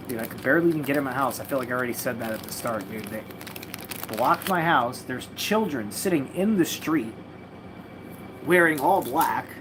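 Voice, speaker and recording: A woman's voice: a bass voice, lively intonation, moderate pace, long pauses. A woman chatting casually on a livestream while opening trading card packs, rambling, slangy and swearing freely, from a home room with a mattress propped against the wall. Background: faint noise of a party next door.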